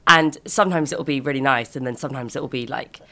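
A British woman in her twenties with a croaky voice left by a virus, chatting candidly and a little haltingly. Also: very deep voice, pushed and bright. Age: 20s. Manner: candid, halting, frequent swearing. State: lingering croakiness after a virus. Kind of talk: casual intimate chat.

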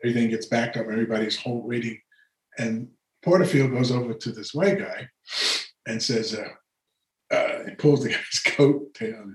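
A man's voice: medium pitch, fairly even intonation, moderate pace. An older man spins long, meandering stories about his past, breaking off to chuckle and starting sentences over. His voice sits in the middle range for a man. The sound carries a noticeable echo, as if he is in a bare room. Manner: rambling anecdotes with frequent laughter and restarts. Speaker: guest, retired orchestral horn player. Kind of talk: relaxed storytelling conversation.

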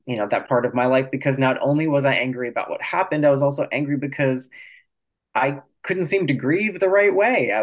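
A man of medium pitch appears as an author guest in an interview. He explains things reflectively, choosing his words with care.

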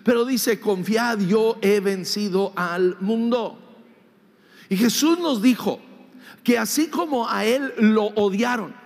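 A man preaching a sermon as pastor, animated and emphatic, sometimes mimicking whiny voices and shouting for emphasis. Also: sits high, takes it slowly, gravelly. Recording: long hall reverb.

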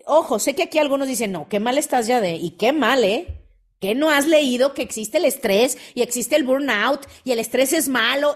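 Woman, podcast host, motivational monologue, animated, fairly high voice. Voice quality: animated, acts out quoted voices.

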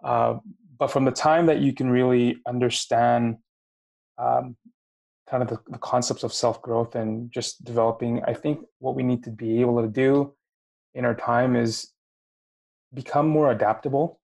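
A late-twenties podcast host with a slight Filipino accent chats casually in an interview, often groping for words with many fillers and restarts. His voice is mid-range, gravelly and a bit mellow, with fairly even intonation at a moderate pace.

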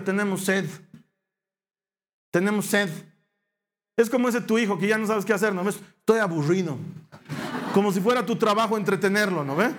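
A middle-aged man with a Bolivian Spanish accent preaches in a fairly high voice. He retells scripture as a story, slipping into the characters' lines with big swings of pitch. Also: fairly bright tone. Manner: storytelling, acts out dialogue with shifting pitch. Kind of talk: sermon.

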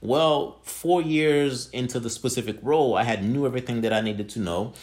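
A man's voice: mid-range voice, normal speed, darkish tone. A middle-aged man from Haiti, an entrepreneur answering interview questions in a formal way, with many repeated stock phrases. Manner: formal, repeats "that specific" and "kinda just". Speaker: entrepreneur guest.

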